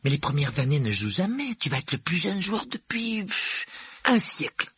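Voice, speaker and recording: A man's voice: on the high side, very animated, moderate pace, fairly bright tone, slightly rough, pitched above the performer's own voice, full character voice. A man voicing an earnest young schoolboy wizard.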